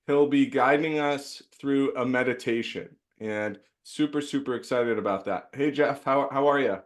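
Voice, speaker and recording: A man's voice: mid-range voice, normal speed. A man hosting a caregiver support webinar over a video call, chatty, with many fillers and restarts. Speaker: host.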